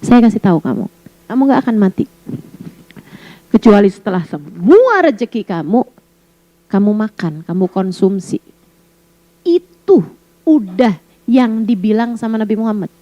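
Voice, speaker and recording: A woman preacher giving a casual sermon to women, lively and teasing, full of rhetorical questions. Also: mid-range voice, moderate pace, pauses often, dry recording, muffled recording. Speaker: Islamic preacher.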